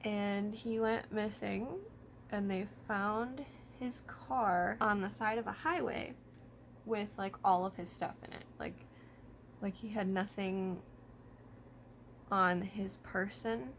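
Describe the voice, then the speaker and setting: A woman's voice: medium pitch, fairly even intonation, slow pace, a bit bright, slight background noise. A woman talking informally to camera about true crime, thinking aloud and hedging as she goes. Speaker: vlogger.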